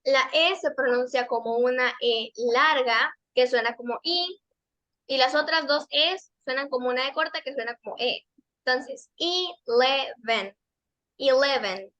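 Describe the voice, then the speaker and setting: A woman's voice: sits high, moderate pace, bright, forceful tone, dull audio. A woman English teacher giving a patient pronunciation lesson to kids and teens, explaining step by step and repeating the model words.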